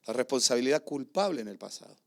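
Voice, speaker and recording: A middle-aged male pastor, preaching a sermon and telling personal stories with emotion, swinging between loud and hushed. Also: mid-range voice, lively intonation, quick pace, gravelly.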